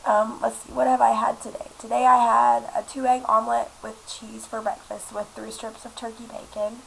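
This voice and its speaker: A vlogger in her twenties, congested and ill, talks casually to the camera in a small apartment using her laptop's webcam mic. Her fairly high voice has vocal fry and little pitch movement at a normal speed, and she rambles with many fillers over faint hiss in the lo-fi audio.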